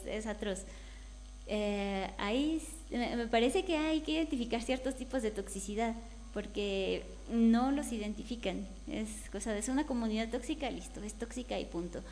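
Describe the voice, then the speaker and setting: A woman's voice: a little high, darkish tone, a little hiss or hum. A woman speaking candidly on a panel, talking conversationally and slipping into quoted voices now and then. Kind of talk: panel discussion. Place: event hall.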